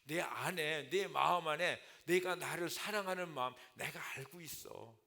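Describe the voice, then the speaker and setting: A male pastor voicing a gentle man who softly reassures a remorseful friend in a hushed, tender way. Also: fairly high pitch, moderate pace, vocal fry. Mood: tender, reassuring.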